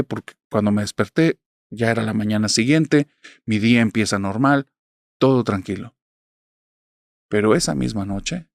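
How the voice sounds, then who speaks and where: A man narrating a horror story, retelling it in a steady, intimate first-person voice. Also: medium pitch, dry recording, studio quality.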